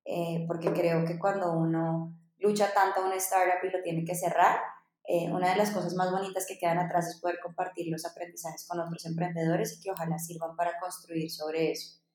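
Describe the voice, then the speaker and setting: A Colombian startup founder tells her story as a podcast guest, chatty and full of fillers, in a casual interview. Her voice is lowish with a darkish tone. The room is echoey.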